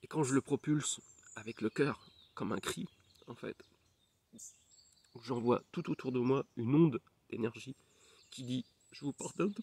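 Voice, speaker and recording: A man's voice: mid-range voice, unhurried, pauses often, darkish tone, breathy edge. Emotional French man recounting past-life regression. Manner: emotional, many fillers and restarts, drops to near whisper. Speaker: hypnotherapist. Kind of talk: personal testimony.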